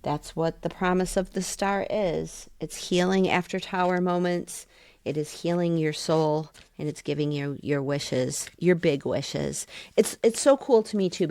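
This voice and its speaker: A middle-aged woman with a notably low voice gives a casual tarot reading. She is chatty and excitable, thinking aloud and sometimes speeding up. The sound is dry and close, with no room behind her. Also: dry recording. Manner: talks fast at times. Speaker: tarot reader.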